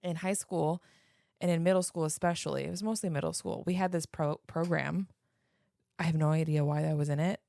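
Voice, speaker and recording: A woman's voice: low-pitched, fairly even intonation, a little fast, vocal fry, warm tone, no room sound, clean studio sound. A woman in her thirties co-hosting a podcast, telling a childhood story in casual, self-mocking chat with plenty of swearing. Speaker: podcast co-host.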